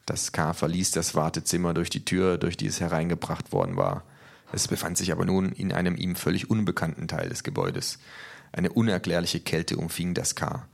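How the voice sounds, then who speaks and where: A man narrates a story in a deep, low voice. His delivery is calm, measured and scripted, steady as a storyteller. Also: creaky.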